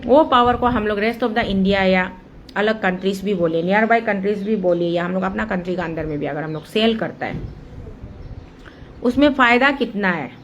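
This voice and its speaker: Speaking at medium pitch and a moderate pace, this activist from Arunachal Pradesh passionately explains a procedure step by step regarding a local dam issue. She slips English phrases into her Hindi, and the recording has its highs cut off along with a slight hiss or hum.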